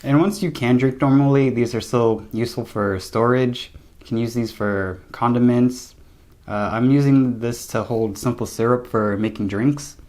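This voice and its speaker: A young man talking casually to camera in a low-key, conversational way, sharing tips as a vlogger. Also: normal speed, a little mellow. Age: young adult. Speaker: vlogger giving recovery tips. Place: small room indoors, seated at a table.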